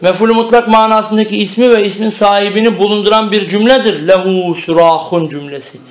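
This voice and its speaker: High-pitched guy teaching a grammar class, slow drawn out words, keeps asking if everyone got it. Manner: explains step by step, often checks with "Tamam? Anlaşıldı?".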